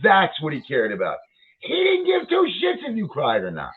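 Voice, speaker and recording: A man's voice: a little high, huge pitch swings, moderate pace. A man ranting in a heated, profane commentary, swearing often and repeating himself as he reacts to a video. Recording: tinny phone-like line.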